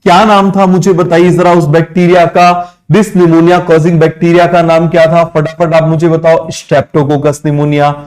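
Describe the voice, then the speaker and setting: A young man giving a live online biology lecture, quizzing his students with quick questions and answering them himself, drawing out English terms slowly. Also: fairly high pitch, little pitch movement, darkish tone. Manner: mixes English terms into Hindi, drawn out slowly. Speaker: biology teacher. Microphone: streaming microphone.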